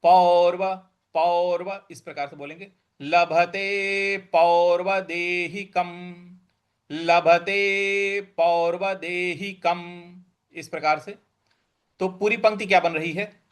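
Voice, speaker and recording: A man teaching Sanskrit verse recitation, repeating each word slowly and explaining its pronunciation in between, with some lines chanted. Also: sits high, fairly even intonation. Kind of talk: slow, syllable-by-syllable recitation lesson.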